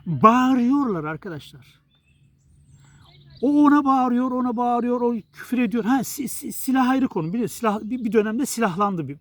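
A middle-aged male journalist and writer from Turkey, talking straight to his viewers in a blunt, exasperated, rambling monologue full of restarts. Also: high-pitched.

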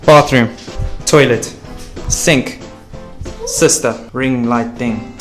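A man's voice: medium pitch, drawn-out words, faint music behind. A young man vlogging casually to a handheld camera, rambling and stumbling over his words, joking as he goes. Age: young adult. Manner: rambling, self-interrupting, playful. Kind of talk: casual travel vlog. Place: hotel room and outdoors, handheld. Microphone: camera mic at arm's length.

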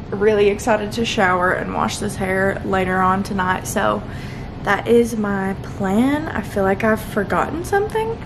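A woman's voice: medium pitch, noisy background. A young woman talking casually to the camera in her home kitchen, chatty and upbeat, laughing often. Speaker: vlogger.

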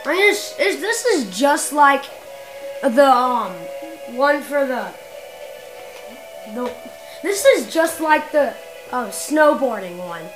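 A woman's voice: sits high, very animated, slow pace, pauses often, rough recording. A woman giving casual, rambling commentary on her own gameplay, often restarting and correcting herself mid-sentence. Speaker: gameplay video maker. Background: loud video game music.

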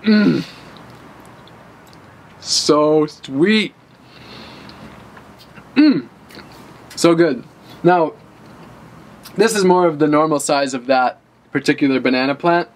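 Speaking slowly with long pauses, a man in his thirties with a fairly high voice shows off his garden in a vlog, gesturing and eating as he walks and talks enthusiastically. He starts in an outdoor urban garden and ends indoors by a bookshelf, and the rough recording picks up outdoor traffic noise.

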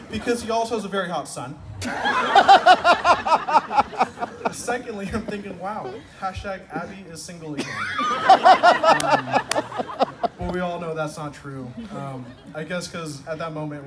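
A man's voice: high voice, wildly swooping pitch, moderate pace, long pauses. A young man giving a humorous best-man toast at a night-time garden wedding reception, telling stories in a wry, self-deprecating way and landing punchlines. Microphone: far camera across the lawn. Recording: distant phone video with ambient noise.

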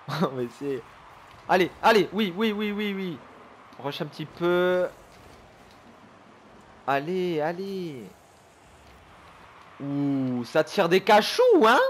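A young man commentating his own gameplay for viewers, excitable and chummy, swearing and shouting at the game. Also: fairly high pitch, drawn-out words, long pauses, a little hiss or hum. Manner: chummy, keeps calling viewers his pals. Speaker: gaming YouTuber.

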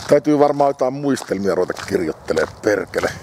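A man's voice: lowish voice, sing-song, a little mellow, slight background noise. A man rambling to himself and his dog on a winter morning walk outdoors, swearing heavily. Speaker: vlogger. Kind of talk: rambling walk-and-talk monologue. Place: outdoors on a village road in winter.

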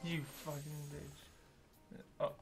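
A young man co-hosting a casual gaming chat, excitable and swearing loudly whenever he gets an answer wrong. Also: fairly high pitch, slow, creaky, over music. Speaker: co-host.

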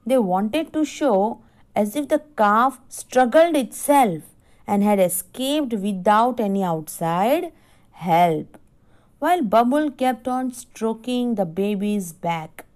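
Slow, patient woman teacher explaining words. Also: fairly high pitch, animated, darkish tone. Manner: slow and explanatory, stops to define words for children. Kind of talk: reading a story aloud in an English lesson.

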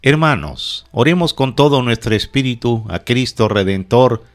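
A man leading prayer, reciting liturgy in a measured, solemn way in short phrases. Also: medium pitch, animated. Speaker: prayer leader.

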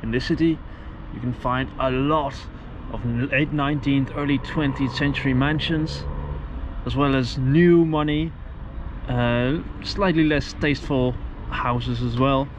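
A man's voice: mid-range voice, steady tone, measured pace, dull audio, background noise. A man narrating a travel vlog in a curious, musing way while exploring a city outdoors. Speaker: travel vlogger.

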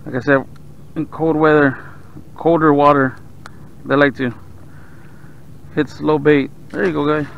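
A man with a South Texas accent giving relaxed running commentary while fishing from a kayak on open bay water, talking to the fish and his viewers. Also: on the high side, measured pace, creaky, pauses often. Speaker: fishing vlogger. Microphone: action camera on the kayak. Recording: dull outdoor camera audio with faint water noise.

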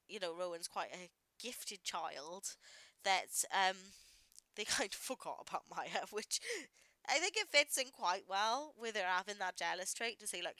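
A woman's voice: medium pitch, bright, forceful tone, clear, resonant tone, no room sound, low-quality recording. A woman, a parent, giving chatty, rambling voice-over commentary on gameplay she recorded earlier. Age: adult parent. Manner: chatty and rambling, lots of "like" and asides. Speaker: gaming YouTuber.

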